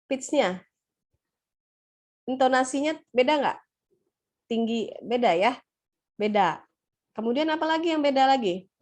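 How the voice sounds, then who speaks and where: Brisk woman lecturing an online class. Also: sits high, animated, darkish tone. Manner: questioning students, brisk and playful. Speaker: nursing lecturer. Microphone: laptop or webcam mic on a video call.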